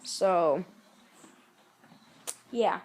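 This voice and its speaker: A woman's voice: lowish voice, very slow. A woman chatting casually and informally to viewers in a rambling amateur vlog, on a homemade recording. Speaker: amateur vlogger. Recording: noisy home recording with clicks.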